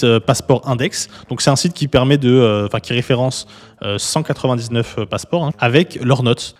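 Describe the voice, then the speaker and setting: A man hosting a casual explainer video, talking viewers through a website in a relaxed, chatty way with frequent fillers and restarts. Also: medium pitch, long reverb tail. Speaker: YouTube host, legal consultant. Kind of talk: casual explainer with screen walkthrough.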